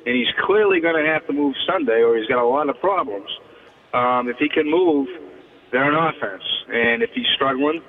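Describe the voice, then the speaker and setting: A man calling in as a team reporter guest on a sports show, giving rambling, hedging answers. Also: fairly high pitch. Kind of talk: phone-in sports interview. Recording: tinny phone line.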